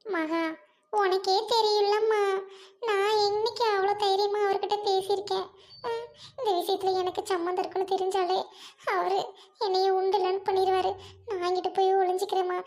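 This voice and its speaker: A woman's voice: very high voice, little pitch movement, normal speed, a little mellow. Brief: woman playing a timid older aunt, pleading and fearful, amateur skit. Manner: pleading, whiny.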